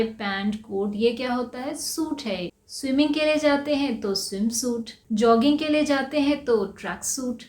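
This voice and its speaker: A woman with a somewhat high voice runs a pronunciation lesson. She asks her own questions and answers them, saying each word slowly and more than once. The room sounds echoey. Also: darkish tone. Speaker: English pronunciation teacher. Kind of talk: Hindi-language pronunciation lesson.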